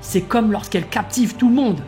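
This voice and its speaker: A woman voicing a calm, analytical teenage girl ninja who explains things evenly, during a manga recap. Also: fairly high pitch, moderate pace, soft background music, lightly acted.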